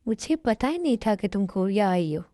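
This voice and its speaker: A woman voicing a gentle, hurt young wife who pleads softly, in a fan dub. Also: medium pitch, expressive, moderate pace, dry recording, studio quality, lightly acted. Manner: soft, pleading.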